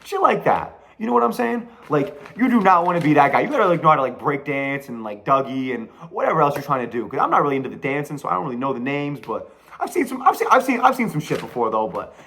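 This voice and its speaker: Animated young man ranting on a podcast. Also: a little high, fast, gravelly. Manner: blunt, profane, emphatic with slangy asides. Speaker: podcast host. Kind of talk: casual solo podcast rant.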